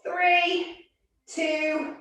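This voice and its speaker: A woman's voice: very high-pitched, little pitch movement, extremely slow. A woman fitness instructor cueing moves and counting reps, out of breath at times. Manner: counts reps and cues moves, gently encouraging. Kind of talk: exercise class instruction. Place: room with barre and mats. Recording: echoey room, voice from far off.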